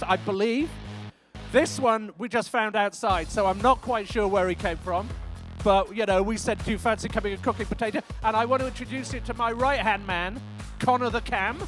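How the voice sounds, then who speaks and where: A man hosting a live cooking contest at an expo, joking and rousing the crowd. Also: high voice. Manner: jokey, energetic crowd-rousing. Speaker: event host. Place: event hall.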